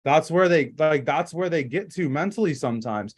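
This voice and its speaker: A man's voice: on the high side, expressive, normal speed, husky. A man leading a casual sales training over a group video call, talking in emphatic, rambling bursts with lots of fillers and restarts.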